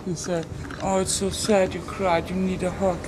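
A woman's voice: on the low side, level tone, normal speed, noisy background. A woman whose first language is Danish, filming her daughter's vlog and making dry, teasing remarks. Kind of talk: casual chat. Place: inside an abandoned factory.

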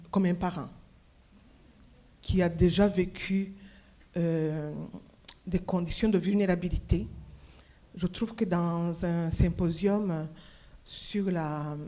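A middle-aged woman from Rwanda, a professor speaking on a conference panel into a handheld mic, with measured, reflective storytelling. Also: fairly low pitch, warm tone. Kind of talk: panel conversation. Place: conference stage.

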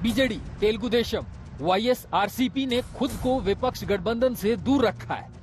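High-voiced male news reporter, faint music. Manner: brisk formal news delivery. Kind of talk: scripted news voice-over.

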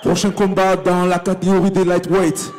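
High-pitched male boxing ring announcer, crowd noise. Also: completely flat delivery, normal speed, darkish tone. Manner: theatrical, stretching out fighters' names. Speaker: cage fight ring announcer. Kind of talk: boxing ring announcer introductions, drawn-out names. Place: live fight event arena. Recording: noisy PA in a crowded arena. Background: crowd and event noise.

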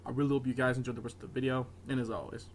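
A man's voice: medium pitch, little pitch movement, rapid-fire, a little hiss or hum. A man who is sick, chatting casually and apologetically to viewers of his gaming videos, with lots of fillers.

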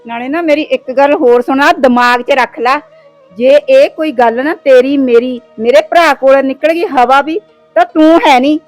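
A woman's voice: sits high, moderate pace, dry recording, soft background music, natural voice. A woman playing a bossy sister-in-law who scolds and orders people around. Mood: threatening. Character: bossy sister-in-law, sharp-tongued and demanding. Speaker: actor. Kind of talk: village short-film acting.

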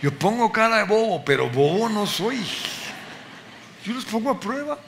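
A man pastor preaching a sermon with emphatic, dramatic pauses and rising exclamations. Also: high-pitched, big pitch swings, fairly bright tone, slight background noise. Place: church.

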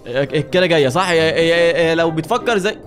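A man's voice: fairly high pitch, quick pace, music in the background. A young man with an Egyptian accent commenting on a horror mobile game as a YouTuber, joking, swearing often and startling easily. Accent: Egyptian Arabic. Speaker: gaming YouTuber.

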